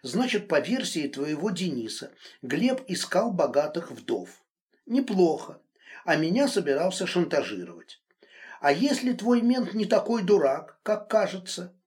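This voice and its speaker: Brief: male narrator doing an enraged, possessive married man in an audiobook, high and loud, shouts then hissed threats. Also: sing-song, measured pace. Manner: shouting accusations, then hissing low threats. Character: angry middle-aged married man, controlling and furious. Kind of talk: audiobook reading.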